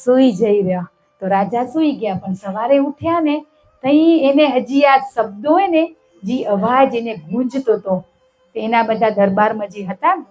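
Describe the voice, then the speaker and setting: A woman's voice: a little high, rough recording. A woman giving a devotional satsang talk. She tells a parable and keeps asking her listeners short questions. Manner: acts out the characters' shouted lines. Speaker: spiritual satsang speaker.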